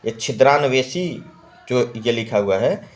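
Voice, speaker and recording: A man who teaches Hindi exam prep reviews a practice test answer by answer, unhurried yet animated, his pitch sitting in an ordinary middle range. Key words get repeated, and he often checks that listeners are with him.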